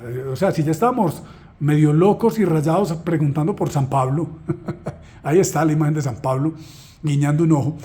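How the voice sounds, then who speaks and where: A man's voice: on the high side, darkish tone. A man explaining a training unit in a conversational way, full of rhetorical questions and self-deprecating asides. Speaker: trainer presenting a course unit. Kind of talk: explanatory lesson walkthrough.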